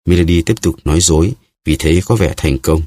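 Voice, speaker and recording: A man narrating an audiobook in a steady storytelling manner, with a husky voice. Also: low voice, brisk, no echo, clean studio sound. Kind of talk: scripted narration.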